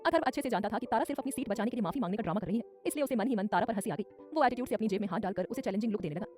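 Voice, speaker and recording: A woman narrating a romantic audio story in a brisk, dramatic scripted style. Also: on the high side, animated. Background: soft music.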